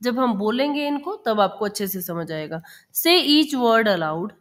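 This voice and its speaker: A woman teacher explaining a children's textbook lesson, reading English lines slowly and then explaining them in Hindi mixed with English, repeating words aloud. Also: a little high, expressive, a bit bright.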